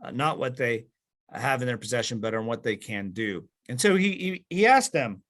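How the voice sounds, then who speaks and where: A man teaching a Bible study group over a video call, at a mid-range pitch. He explains patiently, full of "uh"s and restarts, and stops often to put questions to his listeners. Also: lively intonation, moderate pace, a bit bright.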